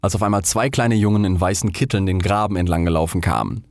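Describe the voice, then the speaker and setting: A man reading a fairy tale aloud in a theatrical, expressive way. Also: low-pitched, fast talker, no room sound, studio quality. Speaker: storyteller.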